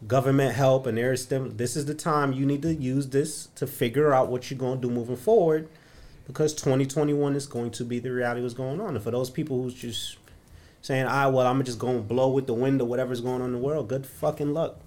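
A man co-hosting a podcast, talking forcefully and preachily about money, with some swearing. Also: medium pitch, steady tone, fairly quick. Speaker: podcast co-host. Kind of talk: casual podcast chat.

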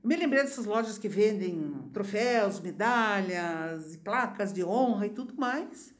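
A woman's voice: medium pitch, lively intonation, unhurried. A woman with a Brazilian accent, an umbanda spiritual leader, telling a personal story and acting out its dialogue with frequent tag questions.

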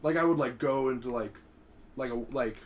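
A young man in casual podcast chat, relaxed and laughing easily, with lots of "like" fillers. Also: mid-range voice, brisk, slight background noise. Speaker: podcast co-host.

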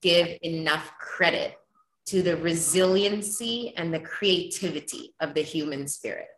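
Woman, deep voice, earnest, impassioned, interview guest, echoey room. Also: measured pace, fairly bright tone. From Ethiopia. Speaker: podcast guest. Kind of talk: conversational interview. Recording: roomy echo.

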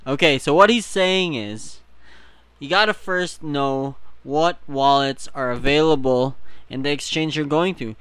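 A man's voice: on the high side, measured pace, fairly bright tone, smooth, no echo. A man co-hosting a casual crypto chat, explaining things step by step and laughing often. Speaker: co-host.

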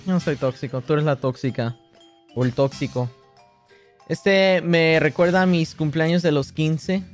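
A man livestreaming late at night, reading chat aloud and joking back in a relaxed, casual way, switching between Spanish and English. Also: on the high side, measured pace, faint music behind.

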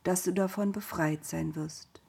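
A woman voicing an old blind father who speaks slowly and solemnly, with a husky voice. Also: mid-range voice, steady tone, darkish tone, pitched above the performer's own voice, lightly acted. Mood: toneless. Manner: solemn, slow blessing voice.

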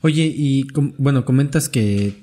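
A man hosting an interview, asking relaxed, rambling questions with casual slang. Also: medium pitch, measured pace. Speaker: podcast host.

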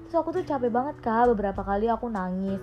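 A woman's voice: a little high, animated, very fast, muffled recording, faint music behind. A young woman in casual late-night chat, candidly and emotionally recounting her struggles, with many fillers. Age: young adult. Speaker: podcast co-host.

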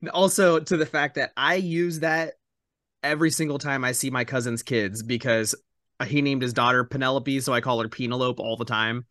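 A man's voice: mid-range voice, a bit bright, dry recording, clean studio sound. Man telling a film anecdote on a podcast. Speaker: podcast co-host. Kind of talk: casual storytelling.

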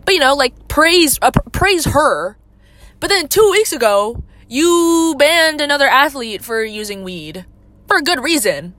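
A young woman with a fairly high voice, recorded close and dry, chats on her own podcast in a loose, rambling way. She piles up fillers and drops casual swears, easygoing but quick to turn indignant. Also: no room sound. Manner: laid-back, then animated and indignant. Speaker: podcast host. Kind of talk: casual solo podcast chat.

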